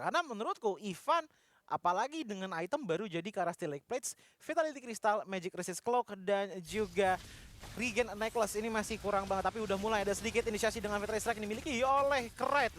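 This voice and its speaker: A man with an Indonesian accent delivers fluent, detailed esports commentary, analysing the state of play. His voice sits high and sounds a bit bright.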